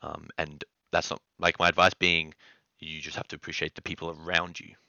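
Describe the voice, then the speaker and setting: Low gravelly young man, earnest podcast guest. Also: little pitch movement, brisk, bright, forceful tone, no room sound, highs cut off. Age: young adult. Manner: earnest and upbeat, laughs often, says "man" a lot. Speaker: podcast guest, gym content creator. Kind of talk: casual podcast chat.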